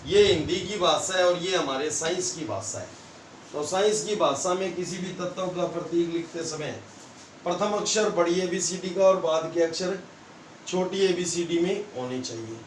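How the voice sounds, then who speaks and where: Rajasthani hindi guy teaching science class, kinda high voice, slow, repeats stuff, far from the mic in a roomy classroom. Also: slight background noise. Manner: slow, repetitive explaining to students. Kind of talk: classroom lesson. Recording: echoey room, mic far off.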